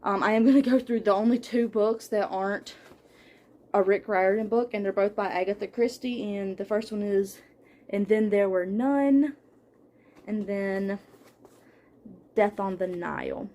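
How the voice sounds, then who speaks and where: A young woman talks through her shelves in a relaxed, chatty way, reading off book titles one after another with the odd filler and soft laugh. Her voice sits at an ordinary middle pitch for a woman, recorded in a room at home. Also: measured pace, long pauses. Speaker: book vlogger. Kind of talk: casual book haul chat.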